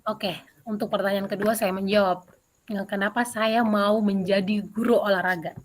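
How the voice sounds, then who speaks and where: A woman PE teacher answering interview questions over a video call, telling a story in an animated way with many fillers. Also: mid-range voice, moderate pace.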